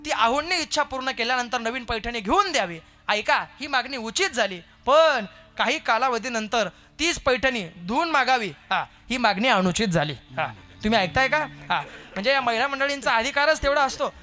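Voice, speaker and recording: Male kirtan preacher with a bright, ringing voice who works the live crowd with stories and playful questions. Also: extremely high pitch, animated, moderate pace, few pauses, soft background music. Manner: storytelling, quizzing the audience playfully. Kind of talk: devotional kirtan sermon.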